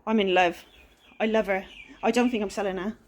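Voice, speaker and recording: This furniture flipper, a woman from the England-Wales border with a West Country accent, rambles cheerfully and makes fun of herself while narrating her DIY vlog. Her mid-range voice is a little mellow, with fairly even intonation and a slightly fast pace.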